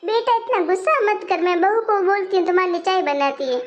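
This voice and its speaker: A performer playing a soft-hearted elderly mother who gently placates her family in a comic skit. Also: very high-pitched, brisk, highs cut off. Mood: placating. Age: older.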